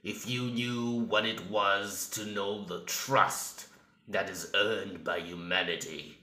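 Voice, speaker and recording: A man's voice: fairly low pitch, steady tone, slow pace, bright, forceful tone, reverberant. A man playing Death, a menacing, soul-eating villain who sneers at mortals in a grandiose, taunting theatrical monologue. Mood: menacing, gloating.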